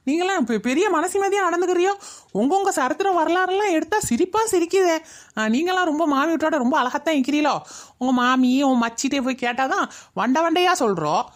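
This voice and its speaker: A woman with a Kayalpattinam Tamil accent voicing a sharp-tongued older woman in a cartoon who scolds and mocks gossips. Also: high-pitched. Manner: scolding, sarcastic. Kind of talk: cartoon voice acting.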